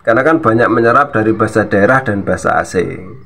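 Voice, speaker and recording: A man's voice: lowish voice, fast talker, vocal fry, fairly bright tone. A man hosting a reaction video, scolding and mocking in casual commentary with frequent laughs.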